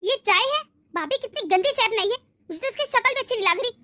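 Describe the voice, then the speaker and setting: A spiteful bossy grown daughter. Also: female voice, extremely high pitch, animated, fast, sharp tone, no echo, studio quality, full character voice. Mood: scolding. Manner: scolding, taunting, demanding. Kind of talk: Hindi cartoon voice acting.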